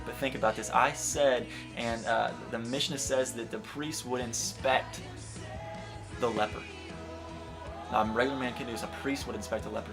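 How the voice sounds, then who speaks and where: A young man in his twenties preaching an earnest sermon, building to impassioned emphasis and then dropping soft. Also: mid-range voice. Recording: guitar music playing underneath.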